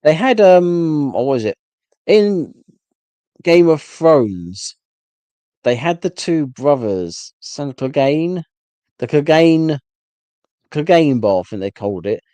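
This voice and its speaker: Male host, rambling exasperated solo rant, warm low-toned voice, dry sound. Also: expressive, slow, pauses often, dry recording. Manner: rambling, stumbles and restarts, exasperated. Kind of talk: casual rant.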